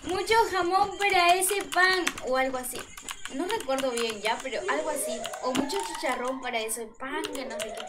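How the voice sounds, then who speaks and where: A woman's voice: high voice, normal speed, noisy background. A young woman live-streaming a game, chatting playfully with her chat and shrieking during fights. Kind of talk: casual live-stream chat while gaming. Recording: loud music playing under the voice.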